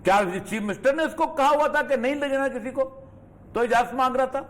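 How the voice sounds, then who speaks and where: A man from Pakistan giving emphatic, lecturing political commentary on a TV studio talk show. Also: very high-pitched. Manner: emphatic, lecturing, rising forcefully on key points.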